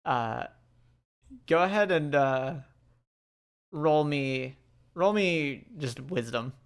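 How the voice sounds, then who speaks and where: Brief: male game master, casual rambling narration, smooth voice. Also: a little high, lively intonation, extremely slow. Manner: rambling, many fillers.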